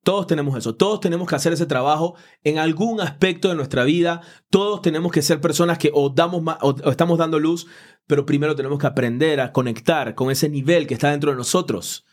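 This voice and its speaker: A man's voice: on the high side, fast talker. Man, spiritual teacher, earnest, lightly raised voice, explains through simple comparisons. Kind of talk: casual chat.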